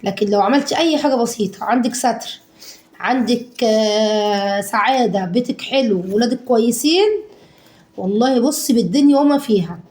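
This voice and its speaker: A woman with an Egyptian accent, hoarse from a cold, chatting fondly to her viewers about a budget week of home cooking. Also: a little high, brisk, roomy sound. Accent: Egyptian Arabic. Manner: warm endearments to viewers, acts out their questions.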